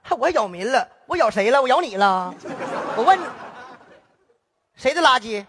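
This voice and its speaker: A woman's voice: a little high, big pitch swings, moderate pace, in a large hall, noisy background. A woman playing a brash Northeastern quarreler. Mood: bickering. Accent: Northeastern Chinese. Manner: brash, bickering, mock-outraged. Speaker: errenzhuan comic performer. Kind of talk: stage comedy sketch.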